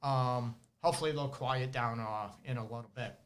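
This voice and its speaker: A man's voice: medium pitch, fairly even intonation, normal speed. A man with a Detroit accent, a relationship counselor hosting an advice show, talking animatedly and often laughing as he acts out his clients. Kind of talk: casual advice monologue. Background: dogs barking at times.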